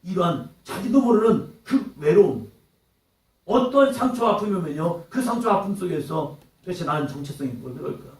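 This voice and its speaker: A man preaching with a high, wide-ranging voice that leaps up and drops to a hush. His delivery is dramatic and theatrical, and he voices quoted lines in character. The recording is roomy and picked up from a distance in a church hall. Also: lively intonation, normal speed. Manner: dramatic, swinging between loud outbursts and hushed lines; acts out taunting quotes in character. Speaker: pastor. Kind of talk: sermon. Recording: echoey hall, mic at a distance.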